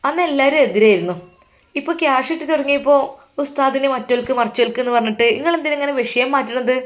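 A woman voicing a sharp-tongued young daughter-in-law who talks quickly and indignantly. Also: fairly high pitch, lightly acted.

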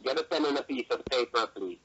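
Rushed scripted telemarketer man on the phone. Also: mid-range voice, a bit bright, husky. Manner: rushed, insistent, repetitive scripted telemarketer patter. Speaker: telemarketer (scam caller). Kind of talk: scripted phone sales pitch. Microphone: telephone. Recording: muffled telephone call audio.

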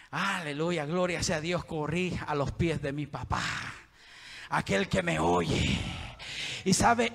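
A man preaching a fervent Pentecostal sermon in a church, shouting and constantly calling out to his brothers. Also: high voice. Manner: fervent, shouting, keeps saying "mi hermano". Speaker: guest preacher. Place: church sanctuary. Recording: long hall reverb.

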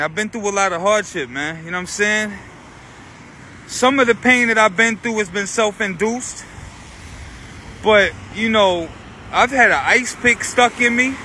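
A vlogger in his thirties walks along a cold outdoor street filming himself, phone held at arm's length, and talks earnestly while repeating "you know what I'm saying" again and again. His voice is high, pushed and bright, with slight background noise.

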